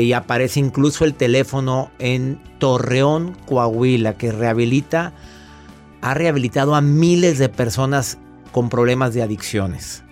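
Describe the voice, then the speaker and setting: A man hosting a talk show, brisk and asking leading questions. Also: medium pitch.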